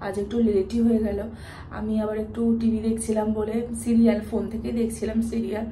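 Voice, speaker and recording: A woman vlogger and mother from India, talking softly and quietly to her viewers at home late at night. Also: on the high side, level tone, fairly quick, echoey room, a little hiss or hum, rough recording. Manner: soft, hushed late-night talk to viewers. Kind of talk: casual vlog chat.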